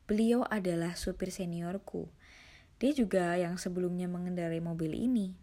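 A woman's voice: fairly low pitch, steady tone, normal speed, mellow. A woman narrating a scripted horror story in the first person, often dropping into a half-whisper.

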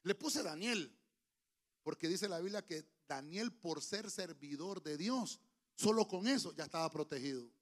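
A man preaching a sermon, emphatic and humorous, with sudden shouts, into a handheld microphone. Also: a little high, animated, unhurried. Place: church.

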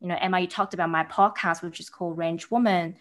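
A woman in her thirties from Taiwan with an Australian-tinged accent, chatting as a podcast guest in a bubbly, animated way. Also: on the low side, quick pace. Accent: New Zealand and Australian. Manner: bubbly and animated, acting out quoted voices. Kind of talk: casual interview chat.

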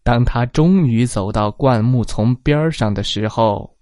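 A storyteller reading a children's story aloud, slow and expressive, adding sound effects. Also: medium pitch, no echo, studio quality.

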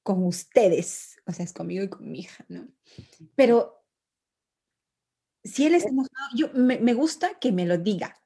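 A woman with a dark, slightly husky voice chats about parenting. She tells her stories with energy and acts out her kids' voices and lines along the way. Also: a little high, moderate pace, long pauses. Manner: animated storyteller who acts out her children's lines. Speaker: mother sharing parenting stories. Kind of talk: casual chat.

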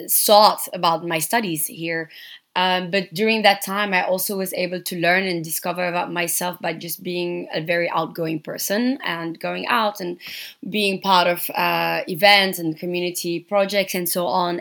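A young woman from Senegal, a guest artist in an interview, speaking thoughtfully with frequent pauses and fillers. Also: on the low side, fairly bright tone. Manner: thoughtful, many fillers and restarts. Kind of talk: casual interview.

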